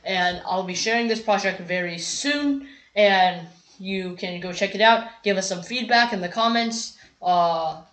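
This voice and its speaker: A woman's voice: mid-range voice, unhurried. A woman hosting a coding channel, casually walking through her clicker game demo, rambling and correcting herself as she guesses at numbers. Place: at a computer, screen recording. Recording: roomy echo with loud game music.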